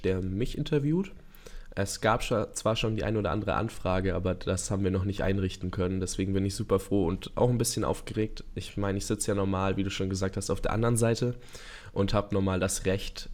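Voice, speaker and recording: A young man of about twenty appears as a guest in a podcast interview, speaking in casual interview talk. He comes across as earnest and eager, running his thoughts together with lots of fillers, in a fairly low voice with a darkish tone.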